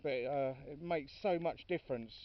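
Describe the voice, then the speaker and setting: Man, casual outdoor vlogger, somewhat high pitch, dry, dull lo-fi sound with the mic held back. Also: moderate pace, no room sound, distant mic. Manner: chatty and informal, calling his dogs now and then. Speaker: dog walker filming his walk. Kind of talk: casual vlog commentary while walking. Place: outdoors on a dog walk.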